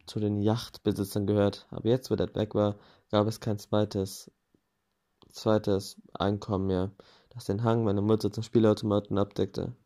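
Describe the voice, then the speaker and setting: A man reading a first-person novel aloud in a plain, steady way, with small self-corrections now and then. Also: fairly low pitch, normal speed. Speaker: audiobook reader.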